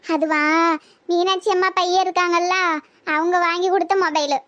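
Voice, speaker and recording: A woman's voice: very high voice, steady tone, normal speed, a bit bright, muffled recording. A woman voicing a chatty young village woman in love, with a Tirunelveli Tamil accent, for a cartoon comedy. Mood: teasing. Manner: teasing, chatty.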